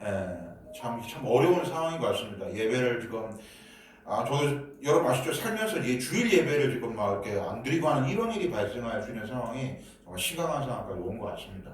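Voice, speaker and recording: With a medium-pitched, very animated voice and a fast delivery, a fifties-aged guest pastor from Seoul jokes his way through a chatty sermon. He mixes Gyeongsang dialect with Seoul speech. The recording, made far off in a very echoey church sanctuary, carries slight background noise.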